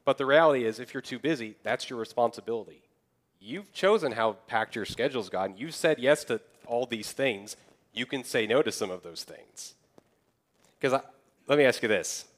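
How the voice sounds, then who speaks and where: Young male pastor preaching conversationally. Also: mid-range voice. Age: young adult. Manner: conversational preaching, acting out quoted excuses. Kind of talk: sermon.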